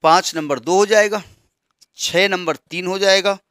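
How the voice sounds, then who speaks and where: A man teaches maths in a bright, fairly high voice. He counts steadily through question numbers and keeps checking that his students follow. The sound is close and dry, with no room echo. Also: steady tone, unhurried, smooth. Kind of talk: classroom lesson explaining textbook changes.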